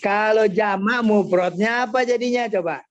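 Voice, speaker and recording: A man's voice: sits high, normal speed, dry recording. A man teaching an Arabic class over a video call, patiently quizzing his students by name. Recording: muffled video-call audio.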